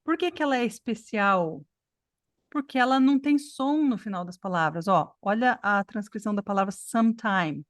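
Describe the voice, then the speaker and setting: Brazilian English teacher explaining patiently. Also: female voice, medium pitch, normal speed, no echo, studio quality. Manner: patient, explanatory, checks in with students. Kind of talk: online class. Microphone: computer mic on video call.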